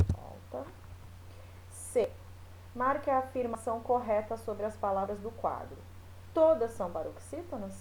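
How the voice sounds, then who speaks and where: A woman's voice: mid-range voice, a little mellow, a little hiss or hum, rough recording. A woman teacher talking her class through a recorded lesson in a loose, chatty way, with many small fillers. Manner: explains slowly, with frequent fillers.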